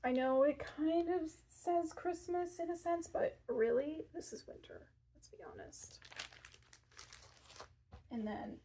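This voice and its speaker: A woman in her thirties speaks slowly in a high-pitched voice with a dark tone while presenting gift ideas in front of a fabric shop's shelves. The product showcase is casual, and she's chatty and self-deprecating, dropping in offhand remarks.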